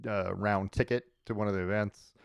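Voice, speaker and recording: A man's voice: fairly low pitch, fairly even intonation, a little fast, creaky, smooth, no room sound, clean studio sound. A man co-hosting a casual sports talk show, blunt and opinionated. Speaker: co-host.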